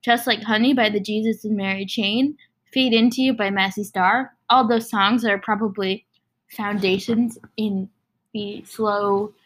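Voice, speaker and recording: A woman's voice: mid-range voice, steady tone, unhurried. A woman in her twenties co-hosting a radio show in casual chat, giggly and rambling, often correcting herself mid-sentence.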